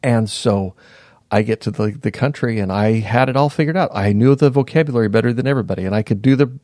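A man in his fifties, a podcast guest, reflectively recounting his past in a casual interview, pausing and restarting sentences. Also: on the low side, mellow, no room sound, studio quality. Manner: reflective, unhurried, often pauses and restarts mid-sentence.

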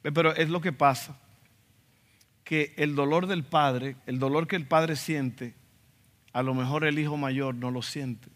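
His voice sits a little high and a bit bright, with fairly even intonation and a slightly slow pace. He is a pastor from the Dominican Republic with a Dominican accent, emphatically preaching a sermon and acting out quotes in asides, recorded in the reverberant hall of a church sanctuary.

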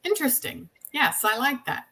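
A woman hosting a podcast conversation, chatty and quick to laugh while leading through slides. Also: fairly high pitch, big pitch swings, gravelly, bright, forceful tone, slight background noise, rough recording. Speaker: podcast host.

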